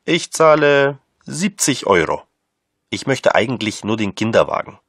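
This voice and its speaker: A man's voice: medium pitch, very animated, a bit bright, no echo, exaggerated voice. An actor playing a polite man who phones about an ad, in a scripted textbook dialogue recorded in a studio. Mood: polite bargaining. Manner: clear, slow learner-friendly speech. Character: polite man phoning to buy a pram. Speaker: caller answering an ad.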